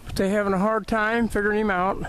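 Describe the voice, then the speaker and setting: Southern man, high voice, casual outdoor commentary. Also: flat delivery, quick pace, a bit bright, clean tone, poor audio. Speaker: hunter filming a rabbit hunt. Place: outdoors in brushy woods. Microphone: handheld camera held by the speaker. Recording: outdoor handheld camera, faint noise.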